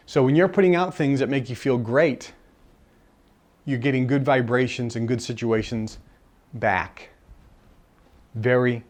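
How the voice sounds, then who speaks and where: A man's voice: medium pitch, a little mellow. Man giving a self-help seminar talk. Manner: conversational, repeats phrases for emphasis. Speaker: seminar speaker.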